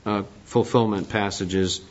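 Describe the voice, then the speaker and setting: A man's voice: lowish voice, steady tone, measured pace. A man teaching a Bible study lesson in a conversational way, asking the class questions as he goes. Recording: dull lo-fi recording.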